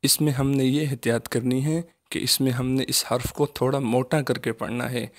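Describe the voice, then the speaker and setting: A Quran teacher with a Pakistani Urdu accent patiently leads children through the Arabic letters in a recitation lesson. He draws out each letter slowly as he says it, his mid-range voice holding a steady tone.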